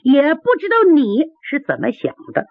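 A woman's voice: high-pitched, very animated, moderate pace, vocal fry, dry recording, pitched above the performer's own voice, full character voice. A woman voicing a cheeky young prince who hurries in and scolds. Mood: reproachful. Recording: dry, tinny phone-like sound.

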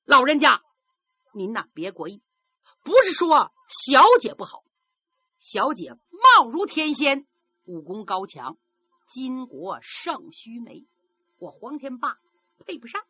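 A woman's voice: sits high, big pitch swings, takes it slowly, long pauses, pushed and bright, breathy edge, dry recording, lo-fi sound, exaggerated voice. A woman voicing a loyal, earnest young male hero explaining himself with sorrow.

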